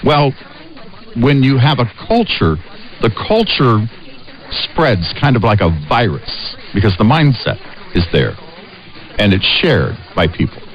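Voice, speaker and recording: An American man co-hosting a conversational political talk radio show, speaking emphatically with halting restarts and repeated short phrases. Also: mid-range voice, sing-song. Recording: dull, band-limited radio sound.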